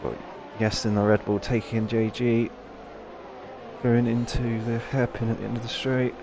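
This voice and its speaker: A man doing excitable live play-by-play of a sim race with quick reactions to the action. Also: medium pitch. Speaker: race co-commentator. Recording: stream audio with clear background noise.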